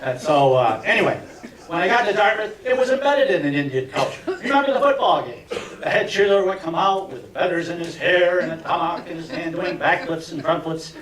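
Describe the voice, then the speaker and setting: A man in his seventies doing a stand-up routine for fellow alumni, telling tongue-in-cheek stories with deadpan punchlines. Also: high voice, a little fast, recorded from a distance. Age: 70s. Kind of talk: stand-up comedy. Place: reunion event hall with audience. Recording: echoey room miked from afar, crowd laughter.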